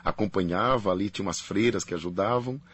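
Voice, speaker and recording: This deep, husky-voiced priest from Paraná, Brazil talks fast in a dry recording. As a faculty representative and interview guest, he gives long, calm explanations and keeps coming back to key phrases.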